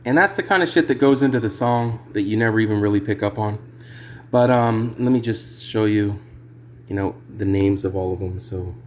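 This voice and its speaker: A man with a lowish voice, speaking at a moderate pace, gives a casual, unscripted music gear demo, rambling, hesitant and sweary. Background noise is clearly audible.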